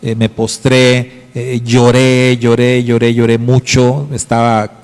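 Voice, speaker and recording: A man's voice: mid-range voice, monotone, slow, darkish tone, clear, resonant tone, in a large hall. A middle-aged man preaching a sermon as pastor, telling a story earnestly and emphatically with frequent hesitations. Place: congregation hall.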